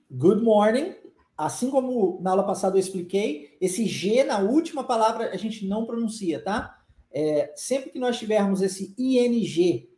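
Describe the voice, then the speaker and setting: Brazilian man, language teacher, patient explanations, warm mellow voice, echoey room. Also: high voice. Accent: Brazilian Portuguese. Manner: patient, explanatory, checks in often with short questions. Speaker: English teacher. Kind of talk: online language lesson.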